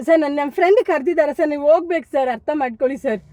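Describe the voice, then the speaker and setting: A woman's voice: high voice, rapid-fire, warm tone. A woman pleading frantically inside a car, repeating sir again and again. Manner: begging, repeats sir over and over. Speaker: prank target passenger.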